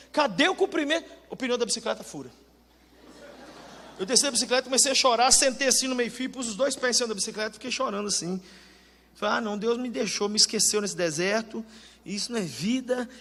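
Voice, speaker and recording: A man's voice: sits high, in a large hall. A man preaching a sermon as pastor, telling stories in a direct, colloquial and humorous way, acting out other people's voices. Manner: animated storytelling with humor, voicing other people.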